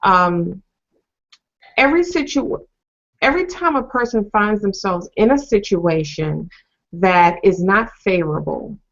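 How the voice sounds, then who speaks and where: A woman's voice: mid-range voice, expressive, measured pace. A woman hosting an interview, asking searching, rambling questions with many fillers. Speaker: host. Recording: dull lo-fi sound.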